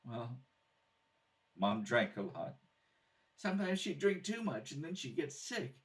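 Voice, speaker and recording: A man pushes his medium-pitched voice upward to play a proud, earnest boy who guards his family, speaking a little slowly with big pitch swings. His subdued, insistent read for the radio drama was captured by a far-off mic in a home kitchen.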